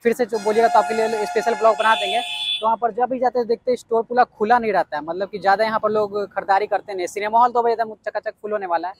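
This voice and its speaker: A man's voice: high voice, fairly even intonation, fast talker, a little hiss or hum. A man from Bihar, vlogging outdoors at a building site. He sounds eager and hyped and keeps repeating his main points. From Bihar, India. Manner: eager and hyped, often repeats key points with "yes indeed". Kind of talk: on-location walkaround vlog.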